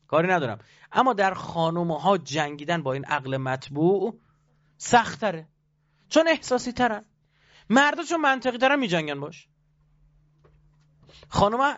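A man delivers a sermon with a voice that swoops up and down, firing rhetorical questions at his listeners. His pitch sits a little above average for a man. The recording is dull and muffled. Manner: animated, rhetorical, questions the audience. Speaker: cleric or religious speaker.

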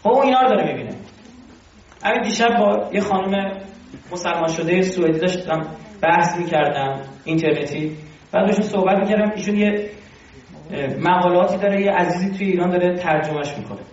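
A man giving an informal religious lecture, animated and conversational, full of rhetorical questions. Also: high voice, pauses often. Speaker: religious teacher. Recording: very echoey, distant and dull.

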